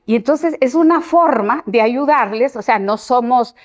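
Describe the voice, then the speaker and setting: A woman's voice: a little high, animated, measured pace. An older woman, an educator giving an informal talk to parents and explaining with everyday examples.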